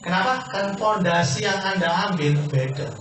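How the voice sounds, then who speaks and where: At normal speed and in a high, slightly bright voice, a man presents a business opportunity at a persuasive sales seminar before a meeting-hall audience. He asks questions, answers them himself, and keeps using "Pak" for his listeners. The hall is very echoey, the mic far away, with a little hiss or hum.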